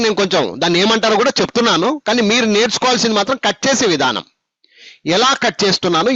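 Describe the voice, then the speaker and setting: A man's voice: high-pitched, bright, forceful tone, no echo. A man teaching spelling, patient and repetitive, drilling letters and speaking straight to his students. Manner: patient, repeats and drills, addresses students directly. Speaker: spoken English teacher. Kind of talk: classroom lesson, spelling out letters. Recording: dull, dry lo-fi recording.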